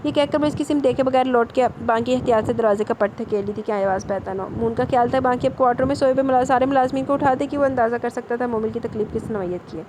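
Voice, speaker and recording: Woman novel narrator, high-pitched, steady scripted reading. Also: hardly any pauses, background noise.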